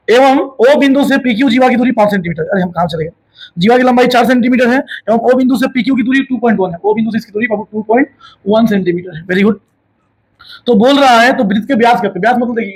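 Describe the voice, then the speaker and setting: A man's voice: extremely high pitch, a little mellow, husky, low-quality recording. A man explaining a maths lesson in a colloquial, teasing way, often answering his own questions as if a student had asked them. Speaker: maths teacher. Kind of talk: casual classroom explanation.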